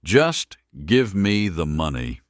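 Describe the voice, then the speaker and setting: Gruff exasperated man, read by the male narrator, very deep voice, blunt, dry sound. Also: expressive, fairly quick, no room sound. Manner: gruff, dismissive. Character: exasperated, blunt adult male bank customer.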